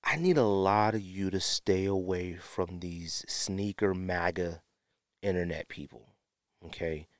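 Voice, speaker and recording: Hosting a solo podcast, a middle-aged American man talks casually in a fairly low voice, taking his time. He's slangy and emphatic, repeating himself as he circles back to his points, and the recording is close and dry.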